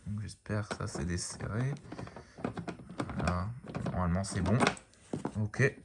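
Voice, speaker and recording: A man giving a casual show-and-tell of a lamp, talking in a relaxed, rambling way full of fillers and restarts. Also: low-pitched, a little slow, heavy background noise. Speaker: lamp collector showing a fixture.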